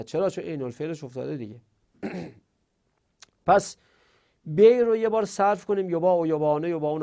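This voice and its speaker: A middle-aged man teaches Arabic grammar in a classroom, drilling verb conjugations. His voice sits high with vocal fry, and he trails off quietly at the ends of lines.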